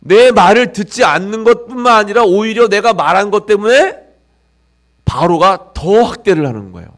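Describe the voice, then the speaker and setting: A man preaching in a church with a slightly high voice. He swings between loud, raised passages where he voices someone praying and low, soft teaching. He keeps asking his listeners questions and answers them himself. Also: expressive, moderate pace. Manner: dramatic, rising loud and high when voicing prayers, dropping low and soft to teach. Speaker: pastor. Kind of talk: sermon. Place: church sanctuary.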